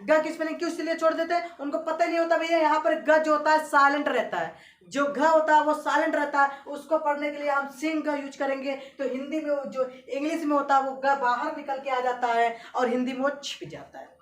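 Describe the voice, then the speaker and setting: A woman teacher giving a classroom lesson, spelling out letters slowly and often checking that her students follow. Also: sits high, fairly even intonation. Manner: repetitive, keeps checking students understand. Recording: echoey room from far off, faint hiss.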